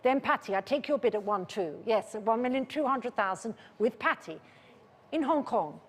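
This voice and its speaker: A woman's voice: on the high side, lively intonation, normal speed. Woman auctioneer calling bids in a reverberant hall. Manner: repeats bid figures insistently, polite and controlled. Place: large indoor auction room. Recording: reverberant large saleroom.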